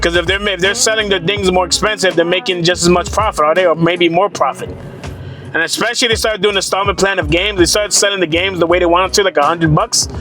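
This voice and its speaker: A man's voice: sits high, fairly even intonation, fast talker, pushed and bright, faint music behind. A young man ranting casually about gaming prices, profane, rambling and sarcastic. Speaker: gaming commentator. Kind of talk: casual rant to camera.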